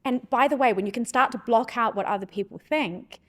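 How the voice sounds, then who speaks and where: A New Zealand woman in her thirties hosting a podcast, talking quickly and casually with many fillers. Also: a little high. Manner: fast, chatty, lots of "like". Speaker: podcast host. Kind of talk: casual conversation.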